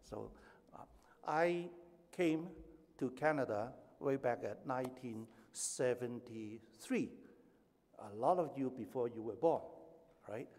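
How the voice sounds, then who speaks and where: Seventy-something preacher from Hong Kong. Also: male voice, mid-range voice, expressive, takes it slowly, darkish tone. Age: 70s. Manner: preaching with emphatic rising passages, then chatty asides. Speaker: pastor. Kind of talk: sermon. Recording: echoey hall with long reverb.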